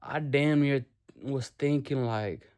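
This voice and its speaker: A young man from Nepal talks straight to the camera from his bedroom, loose and slangy, swearing freely as he drives home a motivational point. His voice sits at an ordinary middle pitch for a man, and he speaks in easy casual bursts. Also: slow, a little mellow, smooth. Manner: slangy, swears, calls viewers bro. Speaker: vlogger.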